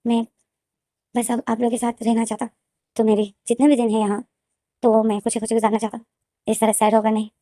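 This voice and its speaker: A woman voicing a gentle, consoling young man. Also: on the high side, flat delivery, brisk, long pauses, dry recording, studio quality, lightly acted. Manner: soft, consoling. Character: gentle young man, long-lost son, soothing.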